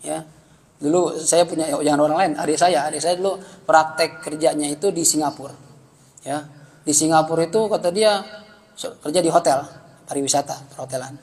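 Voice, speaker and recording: A man teaching an Islamic study class, lively and joking, with slangy asides and acted-out bits of dialogue. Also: a little high, a little fast, in a large hall. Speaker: religious teacher.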